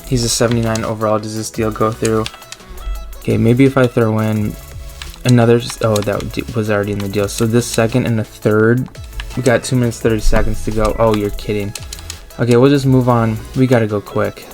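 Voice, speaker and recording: A man, a gaming YouTuber, thinking aloud in casual gameplay commentary, rushed and full of fillers, into a desk mic. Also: lowish voice, little pitch movement, darkish tone, soft background music.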